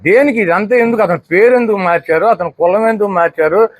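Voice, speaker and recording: Combative high-pitched man at a press meet. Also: fast talker, dry recording. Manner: combative, fires rhetorical questions. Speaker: political spokesperson at a press meet. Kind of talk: heated political press statement.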